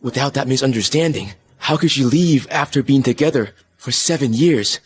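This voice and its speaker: A man's voice: mid-range voice, normal speed, lightly acted. A man voicing a loyal, reassuring friend in a dubbed drama. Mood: reasoning. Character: loyal male friend, reasoning and calming.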